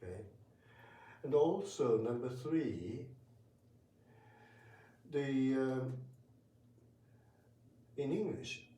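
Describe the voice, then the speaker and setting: A man teaching Japanese in a casual spoken lesson, talking slowly and hesitantly with many fillers. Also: medium pitch, animated, mellow. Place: room in Tokyo. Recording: roomy, from a distance.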